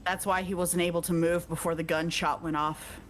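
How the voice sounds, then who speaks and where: Her voice is lowish and flat, moving at a normal pace, with slight background noise behind it. She's a streamer narrating a visual novel in a let's-play, reading steadily but stopping now and then to joke and laugh with a co-player.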